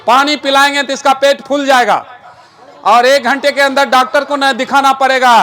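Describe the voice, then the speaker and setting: A man's voice: extremely high pitch, fairly even intonation, normal speed, pushed and bright. A man performing a live magic show, joking and giving orders to a boy and the audience. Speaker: stage magician and rationalist speaker. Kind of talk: live magic demonstration with explanatory talk.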